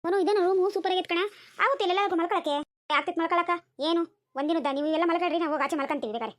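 A bossy, chattering village mother in a comedy cartoon, voiced by a woman. Her voice is squeaky and very high, the words spilling out at a sped-up rush. She fires off orders without a pause. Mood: chatty. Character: bossy middle-aged village mother organizing a trip. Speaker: cartoon character.

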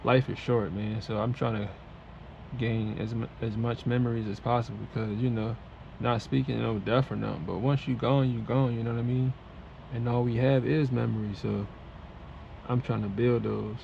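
Sitting in his truck cab at a warehouse, a truck driver talks to his vlog camera in a laid-back, slangy, chatty way. His medium-pitched voice is flat and creaky at a normal pace, and the dull audio carries noisy cab ambience.

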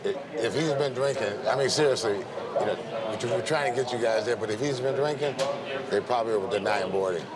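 A man's voice: mid-range voice, quick pace, over a noisy crowd. A middle-aged man talking off the cuff as an airline supervisor, explaining a situation. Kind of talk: spontaneous explanatory talk. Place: large indoor airport gate. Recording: airport gate, loud music behind.

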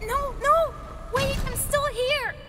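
A woman's voice: extremely high pitch, fairly even intonation, slow, noisy background. A woman voicing a frightened young boy trapped in a building in a video game. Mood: panicked. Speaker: game character. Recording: game audio from off-mic under music.

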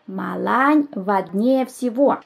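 A woman voicing a plump, stubborn schoolboy who lisps and pouts, speaking slowly. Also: mid-range voice, gravelly. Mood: sulky insistent. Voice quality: lisping, says l for r. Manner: slow, pouting delivery.

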